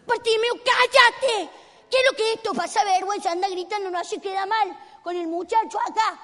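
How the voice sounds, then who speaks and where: A woman preacher with an Argentine accent voicing a bossy male church usher who barks orders to keep people quiet, in a reverberant hall. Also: extremely high pitch, steady tone, a little fast. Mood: scolding. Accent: Argentine Spanish. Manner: sharp scolding orders.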